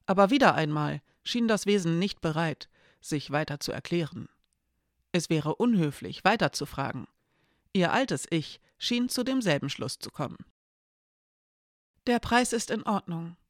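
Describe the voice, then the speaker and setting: A narrator reading a dark fantasy story aloud in a measured, even storytelling manner. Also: medium pitch, no echo, clean studio sound.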